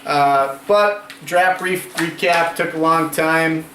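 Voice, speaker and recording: A man's voice: on the high side, fairly even intonation, slow pace, pushed and bright. Sarcastic young man in an echoey room. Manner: sarcastic, teasing. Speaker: co-host. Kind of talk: casual fantasy football chat. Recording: echoey room with faint noise.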